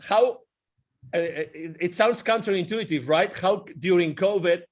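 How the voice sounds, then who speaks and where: On a video call, a man in his forties hosts a casual interview with a high-sitting voice at a measured pace, and there's background noise. He is enthusiastic, gestures with his hands, and restarts often. He's indoors in front of a virtual backdrop, using a wired earphone mic.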